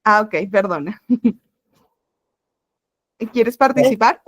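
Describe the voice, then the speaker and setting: A woman's voice: medium pitch, very slow, dry recording, clean studio sound. Patient woman teaching an online class. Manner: patient, explaining step by step. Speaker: French teacher.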